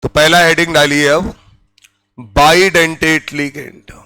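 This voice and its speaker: Hindi-accented guy teaching a chem class, super slow, keeps asking if it's clear, dry close sound. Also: a little high, little pitch movement, bright, forceful tone, no room sound, low-quality recording. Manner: drills students with repeated questions. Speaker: chemistry teacher. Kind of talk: classroom lecture.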